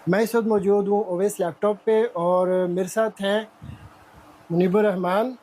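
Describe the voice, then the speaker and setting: A man's voice: high-pitched, fairly even intonation, normal speed, warm tone. A man with a Pakistani accent presenting and interviewing for a YouTube shop-visit video.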